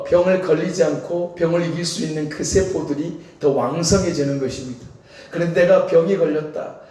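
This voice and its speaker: Male pastor with a Jeolla Korean accent, conversational sermon full of rhetorical questions, mellow, a bit higher-pitched, heard from far off in a very echoey church. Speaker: senior pastor. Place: church sanctuary. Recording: very echoey church hall, distant mic.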